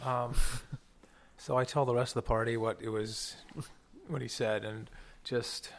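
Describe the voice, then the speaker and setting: Man, middle pitch, casual tabletop player, informal planning talk. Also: flat delivery, a little slow. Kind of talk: casual game chat.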